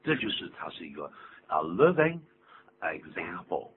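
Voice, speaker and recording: An older man hosting a radio English lesson, explaining phrases in an animated, teacherly way. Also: low-pitched, a little slow. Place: radio studio. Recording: tinny lo-fi radio broadcast with faint hum.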